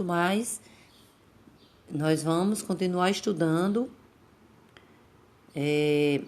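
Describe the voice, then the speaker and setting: A woman's voice: low voice, darkish tone. A woman teacher with a Brazilian Portuguese accent, giving a recorded lesson, patient and repetitive, drawing out example words to stress their syllables. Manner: patient, explains slowly and repeats points. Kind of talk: recorded remote classroom lesson.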